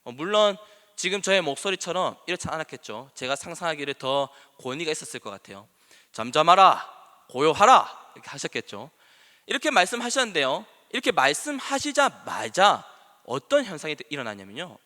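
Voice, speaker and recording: A man preaching a sermon in a church, animated and dramatic, acting out the scripture quotes with strong emphasis. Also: a little high, brisk. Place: church sanctuary. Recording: long reverb of a church hall.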